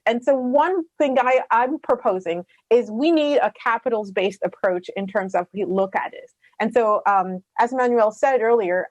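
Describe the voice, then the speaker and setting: Middle-aged woman from Rwanda; earnest, passionate panelist, a bit high, dry sound over a video call. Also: no room sound. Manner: earnest, passionate, quick with fillers. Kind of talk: conference talk.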